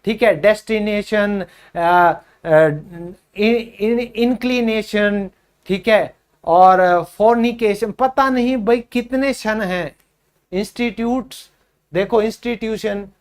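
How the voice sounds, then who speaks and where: Male English teacher, beginner drills, unhurried word-by-word delivery, talks to students as friends. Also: high-pitched, clear, resonant tone. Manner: drills each word by repeating it slowly; addresses learners as friends. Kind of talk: spoken English lesson for beginners.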